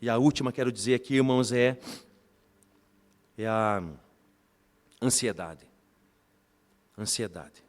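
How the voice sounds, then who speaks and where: A man from Brazil preaching a sermon as bishop, animated, often calling the congregation brothers and telling family stories. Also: mid-range voice, normal speed, pauses often, clear, resonant tone. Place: church. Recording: reverberant church hall.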